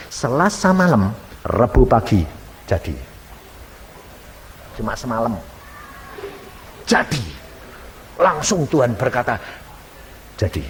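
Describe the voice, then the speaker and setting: Man, evangelist preacher, storytelling sermon, animated rising and falling pitch, acts out dialogues, long hall reverb, faint hiss. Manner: acts out dialogues in shifting voices.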